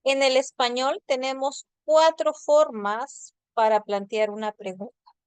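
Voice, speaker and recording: Woman language teacher, patient explainer, clear and dry. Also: high voice, measured pace, no echo. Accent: Peruvian Spanish. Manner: patient, explanatory, checks in with students. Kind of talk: online class lecture.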